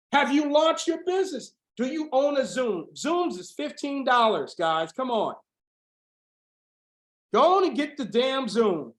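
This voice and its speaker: On a video call, a hoarse, high-voiced business coach gives a sermon-like motivational sales training. He's fiery and insistent, his lines surging to shouts and then falling low, with an echoey, roomy sound.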